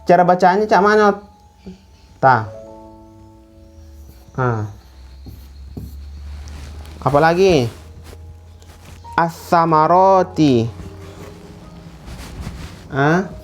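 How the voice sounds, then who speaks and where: A male Quran recitation teacher, speaking at an unhurried, deliberate pace. He repeats example words again and again, drawing them out to show pronunciation. Soft music plays faintly underneath. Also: sits high, sing-song. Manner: repeats words slowly and drawn out to demonstrate pronunciation. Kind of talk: classroom lesson.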